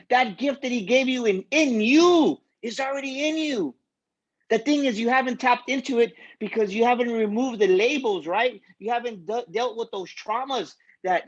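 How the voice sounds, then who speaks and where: A man's voice: very high-pitched, highs cut off. A man giving a faith-based motivational speech as a guest speaker, repeating key lines for emphasis.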